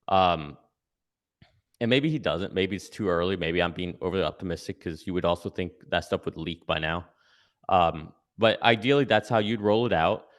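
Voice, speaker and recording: A deep-voiced man speaking at normal speed offers casual, conversational analysis as a guest commentator. He explains things step by step and keeps checking in by tagging points with "right?".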